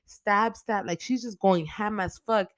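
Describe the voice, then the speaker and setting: A young woman hosting a casual podcast, recapping a movie in a profane, animated way with lots of "like". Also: medium pitch, unhurried, no room sound. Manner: profane, animated retelling with frequent "like". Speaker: podcast host.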